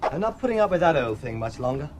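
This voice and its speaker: A busy middle-class dad, brisk, a bit high and bouncy, hissy old tape. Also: male voice, sing-song. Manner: brisk, practical, lightly reminding. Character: practical middle-class husband and father, slightly rushed. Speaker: husband and father. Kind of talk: 1980s British TV soap acting. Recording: clear hiss, household noises.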